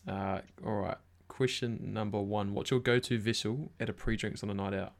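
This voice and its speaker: Matey Kiwi man hosting, broad accent, lowish voice. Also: fairly even intonation, moderate pace, gravelly. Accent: broad New Zealand. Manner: matey, slangy, peppered with bro. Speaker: interview host. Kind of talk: casual chat.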